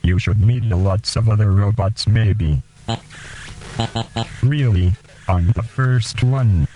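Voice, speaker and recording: Slow low-voiced man. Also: warm tone, soft background music, rough recording. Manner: slow, deliberate, halting phrasing. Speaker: radio host. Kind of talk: radio show with poetry reading.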